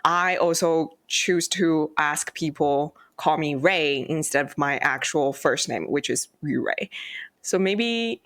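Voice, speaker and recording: A man's voice: fairly high pitch, takes it slowly, fairly bright tone, dry recording, clean studio sound. A man hosting a podcast, asking friendly, curious questions in casual chat. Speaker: podcast host. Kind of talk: casual interview.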